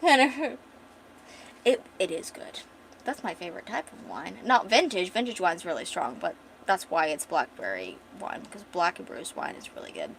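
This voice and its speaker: A woman's voice: on the low side, very animated, normal speed, gravelly, fairly bright tone, a little hiss or hum. Chatty, rambling woman streamer. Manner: rambling, chatty, many fillers and self-corrections. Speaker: artist and streamer. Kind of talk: casual chat reading her comic script.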